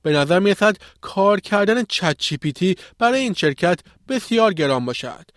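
Higher-voiced man reading news, dry sound. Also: expressive, no echo. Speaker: technology news presenter.

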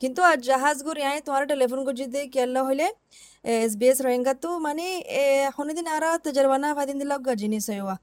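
A woman's voice: high-pitched, quick pace, a little mellow, dry recording. A woman who is a native Rohingya speaker, interviewing someone as a radio host.

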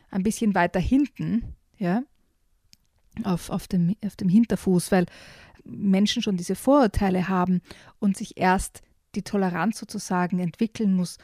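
Female reader-host, children's book read-aloud; mellow timbre with vocal fry. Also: mid-range voice, no echo, clean studio sound. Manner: lively storyteller with pauses and fillers. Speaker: story reader and book reviewer. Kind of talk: reading a picture book aloud, then discussing it.

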